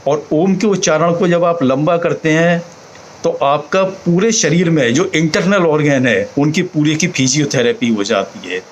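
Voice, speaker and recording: Slow-talking man explaining chanting. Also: a little high, a little hiss or hum, rough recording. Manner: slow, demonstrates sounds aloud. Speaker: teacher.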